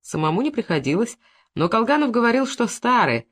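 A gruff, dismissive middle-aged man in an audiobook, as a reader plays him. His speech is brusque and mocking. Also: mid-range voice, very animated, brisk, fairly bright tone, pitched above the performer's own voice.

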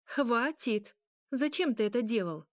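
A woman voicing a fiery, exasperated young female vampire princess who shouts and pleads. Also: lively intonation, measured pace, no echo. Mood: angry. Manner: shouting, pleading, high-strung.

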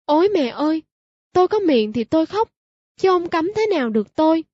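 A woman's voice: very high voice, very animated, a little fast, a little mellow, no room sound, dull audio, pitched above the performer's own voice. A woman voicing a poor, grieving village widow in a storybook reading, wailing and pleading. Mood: pleading defiant.

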